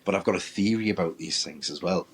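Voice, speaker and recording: A man, a paranormal investigator, telling a ghost-hunting story in a lively way and acting out his own reactions. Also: low-pitched, fast talker, slight background noise. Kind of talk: storytelling in casual chat.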